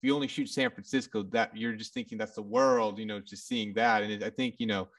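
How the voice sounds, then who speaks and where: A man, a photographer, talking in a casual, halting way with lots of fillers. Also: fairly low pitch, animated, creaky, fairly bright tone, distant mic. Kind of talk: casual podcast chat.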